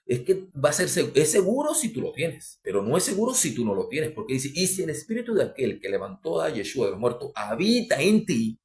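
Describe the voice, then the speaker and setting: A middle-aged man preaching a sermon, impassioned and climbing sharply in pitch for emphasis. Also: huge pitch swings, brisk, hardly any pauses, a little mellow.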